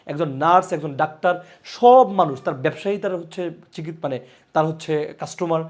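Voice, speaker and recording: A young man teaching a live online exam-prep class, lively, repeating key points and calling out students by name. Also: on the high side, normal speed.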